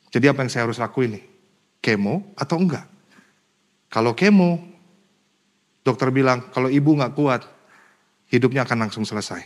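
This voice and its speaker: A male pastor preaching a sermon, speaking emphatically and directly to the congregation, moving between rousing calls and quiet personal storytelling. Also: mid-range voice.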